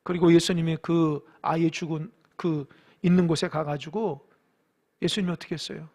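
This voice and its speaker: High-voiced pastor preaching animatedly. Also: male voice, normal speed. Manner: animated storytelling, acting out voices and urging the congregation. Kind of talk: sermon. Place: church sanctuary.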